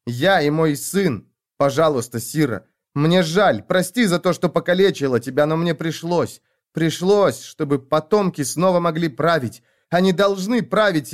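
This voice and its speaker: A man's voice: unhurried, close to an everyday voice. A man voicing a desperate, fierce young woman held captive, crying out and pleading. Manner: shrill pleading outbursts.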